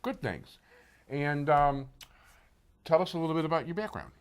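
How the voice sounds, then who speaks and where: A man's voice: on the high side, animated, normal speed, clean tone. A man hosting a local news magazine show, introducing it in a casual, chatty way. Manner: casual, chatty promo patter. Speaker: host.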